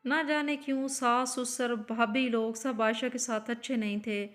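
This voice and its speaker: A woman telling an emotional story as scripted narration, in a steady storytelling manner. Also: on the high side.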